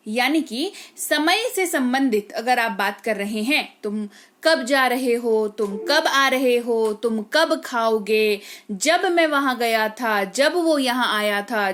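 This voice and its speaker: Woman, English teacher, high voice, unhurried, spells words out, checks in with students. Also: a bit bright. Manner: slow, spells words out letter by letter and asks "ठीक है?" often. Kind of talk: language lesson.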